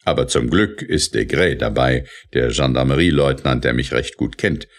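A man's voice: rumbling low, normal speed, voice pushed down. A man voicing an honest, frightened servant in an audiobook reading, rambling breathlessly through his tale. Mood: anxious telling.

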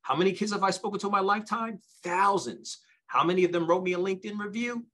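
Husky man, punchy and rhetorical. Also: high voice, fast talker, poor audio. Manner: energetic, punchy, asks rhetorical questions. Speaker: youth program leader. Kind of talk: panel discussion on a video call. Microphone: webcam on a video call.

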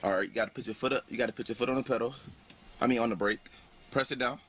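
A man's voice: medium pitch, steady tone, rapid-fire, a bit bright. A young man bantering casually in a prank video, playful and often repeating himself. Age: young adult. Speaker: prankster husband. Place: inside a parked sports car. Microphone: handheld camera in the car. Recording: noisy car interior with vehicle sound.

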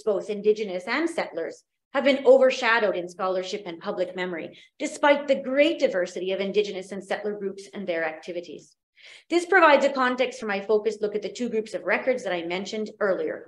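A woman from Western Canada, reading a conference lecture in a measured, prepared way. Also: mid-range voice. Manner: measured, reads from prepared notes. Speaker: academic conference presenter. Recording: roomy, echoey room sound.

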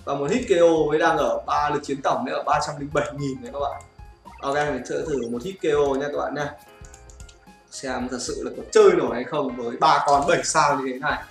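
Casting: male mobile-game YouTuber, slightly high voice, roomy echo with game music. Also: steady tone, a little fast, creaky. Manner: chatty, often asks "right, guys?". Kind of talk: casual gameplay commentary. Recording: echoey room with game music.

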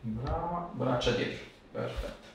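A chiropractor in his thirties speaks informally in a creaky, medium-pitched, unhurried voice whose pitch swoops wildly. During a hands-on consultation in a small indoor treatment room, he guides the patient with questions and short, repeated commands. The distant mic captures a very echoey room and faint noise.

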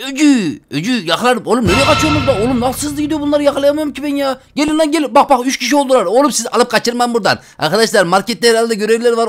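A man giving let's play commentary as a gaming YouTuber, excitable and exclaiming, talking straight to his viewers. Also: very high-pitched.

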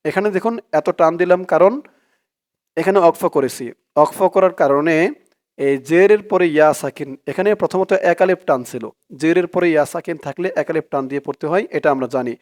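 A man teaching Quran reading, who recites verses slowly and melodically and then explains the pronunciation rules quickly and quietly. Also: on the high side.

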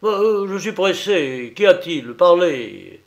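A man's voice: a little high, animated, measured pace, gravelly. A man reading an audiobook, voicing a haughty, impatient government minister who barks short questions. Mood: irritated. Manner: loud, haughty, curt.

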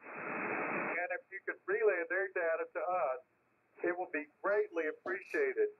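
Man, net control on shortwave radio: measured, formal procedure, repeated call sign, narrow crackly band with static. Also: high-pitched. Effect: heard over shortwave radio with static.

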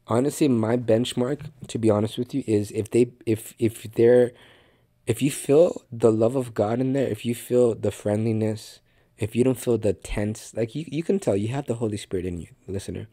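A man's voice: medium pitch, moderate pace, warm tone, dry recording, clean studio sound. A man hosting a faith podcast, teaching in an earnest, conversational way with frequent restarts and direct remarks to the listener. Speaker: podcast host and Bible teacher.

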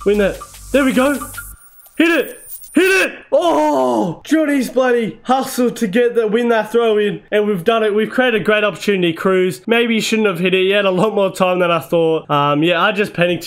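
A man giving live gameplay commentary, excitable and swearing, yelling at near misses. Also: high-pitched. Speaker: gaming channel host.

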